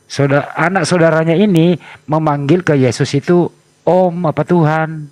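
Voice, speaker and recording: A man's voice: fairly high pitch, fairly even intonation, normal speed, a little mellow. A man in a casual online debate with an easygoing, placating way of talking. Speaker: debate participant.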